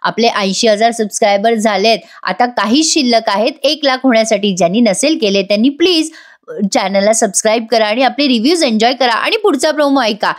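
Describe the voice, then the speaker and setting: A woman's voice: a little high, brisk. A woman narrating a chatty voice-over recap of a TV serial episode in a storytelling way. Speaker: TV serial reviewer.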